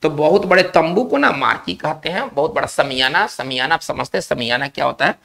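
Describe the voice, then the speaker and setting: A male teacher giving a spelling lesson, explaining slowly, repeating key words and checking in with his class. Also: fairly high pitch, expressive, gravelly, bright, forceful tone.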